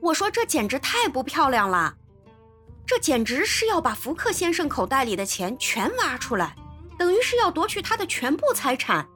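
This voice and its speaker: A woman voicing a hot-tempered, loyal young male servant in a storybook reading, speaking in loud indignant outbursts. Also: very high voice, sing-song, moderate pace, hardly any pauses, faint music behind, exaggerated voice.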